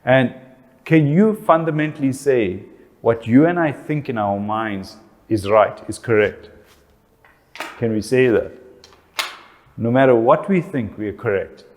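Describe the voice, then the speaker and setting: A man with a South African accent talks to an audience about family life. His voice is mid-pitched and he keeps posing questions that he then answers himself. The sound carries a long hall reverb. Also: measured pace. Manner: animated, asks himself questions and answers them. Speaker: speaker. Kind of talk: talk on family relationships.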